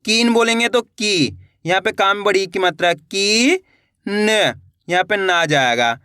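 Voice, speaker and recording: Bright-voiced reading teacher. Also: male voice, high-pitched, expressive, clear, resonant tone, no echo, studio quality. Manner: addresses viewers as friends, drawn-out syllable-by-syllable reading. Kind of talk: slow spelled-out reading lesson.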